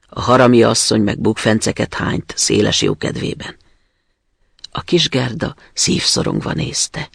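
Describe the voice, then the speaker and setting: A male storyteller reading a fairy tale aloud with expressive delivery. His voice is gravelly and husky and moves lively up and down. It is recorded close and dry. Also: mid-range voice, dry recording. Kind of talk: scripted storybook narration.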